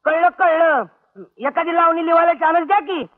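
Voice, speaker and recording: A man's voice: very high-pitched, level tone. An actor playing a cheeky young village man who teases and jokes, on a tinny old film soundtrack. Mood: teasing. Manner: quick, teasing, giggly banter.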